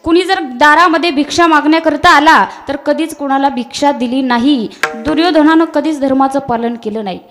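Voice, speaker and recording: High-voiced woman preaching a kirtan. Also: moderate pace, hardly any pauses, a bit bright. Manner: preaching, addressing the audience directly. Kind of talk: devotional sermon.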